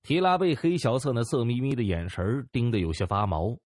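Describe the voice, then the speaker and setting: A man reading a novel aloud as audiobook narrator, in expressive storytelling style. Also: medium pitch, brisk, dry recording, clean studio sound. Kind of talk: scripted narration.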